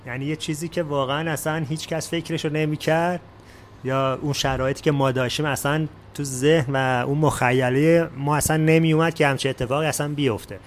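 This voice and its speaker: A man at a workshop telling a story from his own life in a plain, unhurried way. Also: on the high side, steady tone, slight background noise. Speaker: workshop participant. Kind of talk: personal anecdote.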